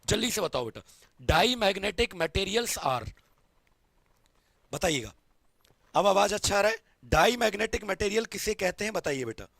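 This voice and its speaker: A male science teacher giving an online exam-prep lecture, quizzing students over and over in a fond way. His voice cracks when he talks fast. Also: high voice, big pitch swings, vocal fry, fairly bright tone, no room sound. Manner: repetitive quizzing, calls students "beta" and "babu".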